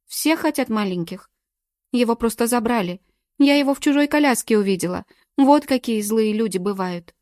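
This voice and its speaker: A woman's voice: animated, moderate pace, warm tone, dry recording, studio quality. A woman doing a weepy, childlike grown sister. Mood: tearful. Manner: high, thin, weepy and exclaiming. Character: childlike, tearful grown woman, simple-minded younger sister. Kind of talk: audiobook character reading.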